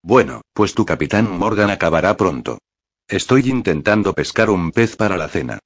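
A man voicing a weary bearded father and war veteran in an audiobook, talking gently and teasingly. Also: low voice, lively intonation, normal speed, dry recording. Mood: gentle. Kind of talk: audiobook reading.

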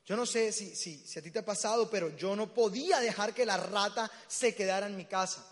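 A young man, preaching and telling a story with acted-out voices and sudden shouts. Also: sits high, brisk. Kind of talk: storytelling sermon. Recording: reverberant hall.

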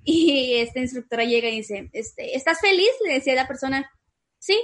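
High-voiced cheerful woman. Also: moderate pace. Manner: cheerful, laughs often. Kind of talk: casual chat.

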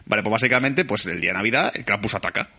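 A man chatting excitedly about a film on a podcast, swearing and laughing often. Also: lowish voice, racing, creaky, husky. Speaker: podcast co-host. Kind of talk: casual film-review chat.

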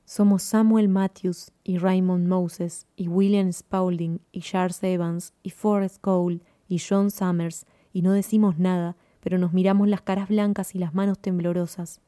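A woman narrating a story in a measured, even reading. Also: lowish voice, no echo, studio quality.

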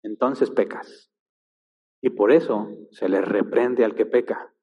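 A man's voice: fairly low pitch, slow, husky. A man preaching a sermon, emphatic and full of rhetorical questions. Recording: long-reverb hall, dull lo-fi sound.

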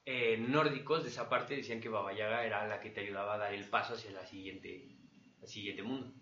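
Animated man telling a story. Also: lowish voice, a little fast, a little hiss or hum. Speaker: podcast storyteller. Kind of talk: casual storytelling. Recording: dull, roomy podcast audio.

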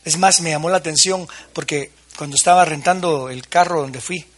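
A man's voice: on the high side, normal speed. A man preaching a sermon as pastor, addressing the congregation with questions and acting out quoted dialogue.

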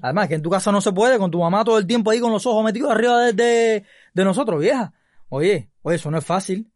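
A man's voice: high voice, expressive, quick pace, darkish tone, no echo, studio quality. A man voicing a cheeky, scheming boyfriend with a Cuban accent, coaxing and full of endearments.

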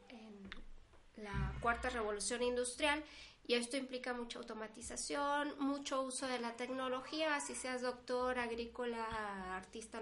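A high-voiced woman co-hosts a casual podcast. She talks conversationally and keeps slipping into little quotes of what other people say. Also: a bit bright. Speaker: podcast co-host.

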